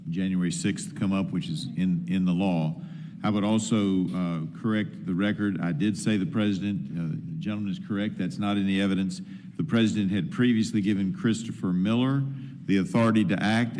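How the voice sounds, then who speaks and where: A man serving as committee chairman who speaks in a measured, procedural way. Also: deep voice, mellow. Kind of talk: formal hearing procedure. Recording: reverberant hearing room audio.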